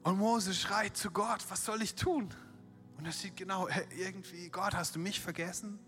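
A man preaching a sermon, retelling a Bible story with lively acted-out quotes and direct rhetorical questions to the listener. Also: high-pitched, moderate pace, soft background music.

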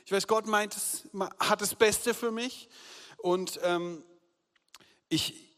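Earnest German pastor preaching in hall. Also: male voice, sits high, steady tone, slow pace. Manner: earnest, shifts between loud appeals and soft hushed confession. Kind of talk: sermon. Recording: long hall reverb.

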